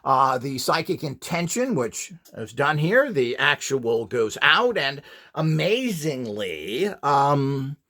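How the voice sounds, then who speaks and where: A man instructing a build tutorial gives an informal, rambling lecture, blunt and opinionated with sarcastic asides. His mid-range voice is bright and forceful, slow, with big swings in pitch.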